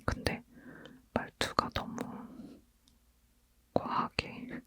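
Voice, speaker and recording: Slow, bright whisper, leaning in close. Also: no echo. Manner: leaning in to whisper, intimate and hushed; informal speech, as to a friend. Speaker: ASMR host. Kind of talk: whispered ASMR casual chat.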